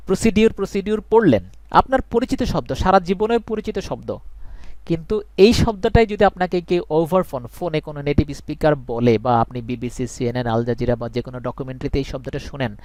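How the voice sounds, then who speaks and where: A man's voice: a little high, brisk, a little mellow, no echo. A man, teaching English in a live online class, earnest and reassuring, repeating points for emphasis. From Bangladesh.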